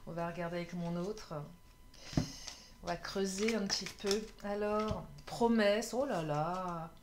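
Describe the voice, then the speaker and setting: A woman's voice: medium pitch, measured pace, noisy background. A woman doing a casual love tarot reading, chatty and often laughing, sometimes tripping over her words. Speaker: tarot card reader.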